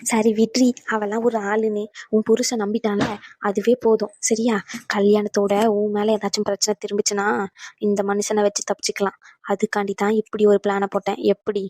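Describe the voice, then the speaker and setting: A woman's voice: medium pitch, monotone, brisk, mellow, no echo, natural voice. A woman voicing a scheming, complaining older mother in a cartoon, grumbling and wheedling. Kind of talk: cartoon voice acting.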